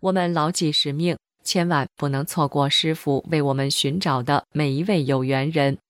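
A woman reading a first-person testimony aloud in a steady, even voice. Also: low voice, normal speed, no room sound, clean studio sound.

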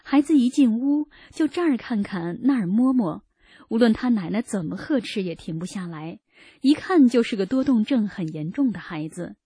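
A woman reading her own first-person story aloud in an earnest, measured way. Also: on the high side, lively intonation, warm tone, breathy edge, dry recording, clean studio sound. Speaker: narrator of a personal testimony. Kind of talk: read first-person narration.

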